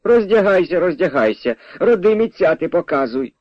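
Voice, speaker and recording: A stubborn old peasant widow scolds in a raised, lively voice, as a male narrator puts her on. She snaps back with disbelief and a sharp tongue. The radio recording sounds dull and dry. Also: high voice, normal speed, no echo, pitched above the performer's own voice. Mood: scolding.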